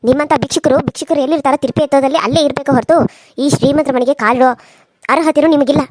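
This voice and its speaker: A woman's voice: sits high, steady tone, rapid-fire, a little mellow, no echo, clean studio sound, lightly acted. A woman voicing a harsh, scheming, wealthy middle-aged mother-in-law in a cartoon serial, with a North Karnataka accent and a scolding, contemptuous manner. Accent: North Karnataka Kannada.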